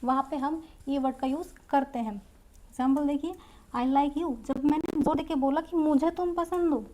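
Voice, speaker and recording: Woman, grammar teacher, high voice, mellow tone, step-by-step explaining, repeats examples. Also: steady tone, normal speed, a little hiss or hum. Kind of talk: Hindi-medium grammar lesson.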